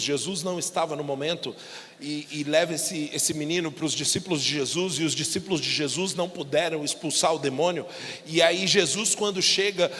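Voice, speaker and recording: Brazilian male pastor, São Paulo accent, high-pitched, theatrical sermon delivery, church reverb. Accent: São Paulo Portuguese. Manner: dramatic, acts out biblical dialogue with shouting peaks. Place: church hall. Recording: long church hall reverb.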